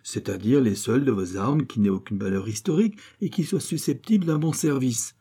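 A man's voice: mid-range voice, animated, fairly quick, warm tone, husky, pitched above the performer's own voice. A man voicing a naive, sly young village man who pleads in a mock-polite, wheedling way.

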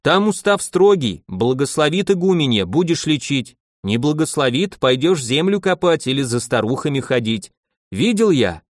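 A man voicing a calm, teasing middle-aged warrior who speaks in an easygoing, joking way. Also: on the high side, normal speed, dry recording, clean studio sound. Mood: advising.

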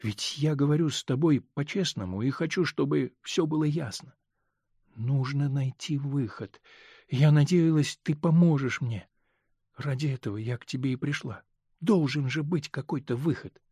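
A male reader voicing a torn, pleading married woman in an audiobook, speaking softly. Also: mid-range voice, moderate pace, slightly rough, dry recording, clean studio sound. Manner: soft and pleading. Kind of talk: audiobook character reading.

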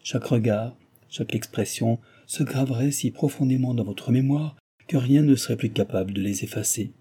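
A man's voice: medium pitch, normal speed, dark tone, breathy edge, lightly acted. A man reading aloud and voicing a stern, dignified older noblewoman who argues earnestly and persuasively.

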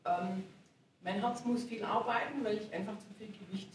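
A woman speaking quietly and plainly from the congregation. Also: mid-range voice, moderate pace, soft background music. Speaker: congregation member.

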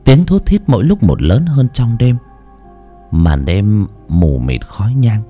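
A man narrating a ghost story in a slow, ominous, dramatic style. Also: fairly low pitch, big pitch swings, mellow, soft background music. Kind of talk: scripted horror narration.

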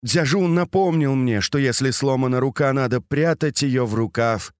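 A man reading an audiobook and voicing a proud, sharp-tongued noblewoman of a grand household who scolds with biting, mocking questions. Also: medium pitch, moderate pace, dry recording, close to an everyday voice. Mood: conciliatory.

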